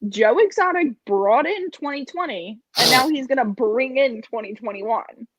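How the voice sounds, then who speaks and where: A woman's voice: high-pitched, animated, moderate pace, highs cut off, background noise. A woman in casual podcast chat, speaking hesitantly with trailing-off phrases.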